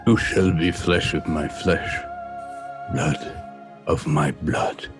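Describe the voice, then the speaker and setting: A vampire count with an abyssally deep voice, menacing and possessive. He intones slowly and solemnly over prominent music, in horror audio drama style. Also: steady tone.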